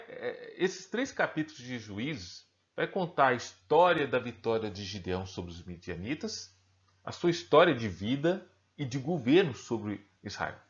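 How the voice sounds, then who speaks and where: This man has a mid-range, somewhat bright voice and a Brazilian Portuguese accent, and the sound is lo-fi. Teaching a recorded online class, he raises questions, answers them himself, and regularly checks in with the viewer.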